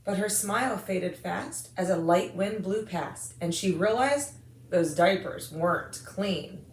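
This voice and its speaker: An American woman reading a rhyming children's picture book aloud in an expressive, singsong rhythm. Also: on the low side, slow, slight background noise. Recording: echoey room.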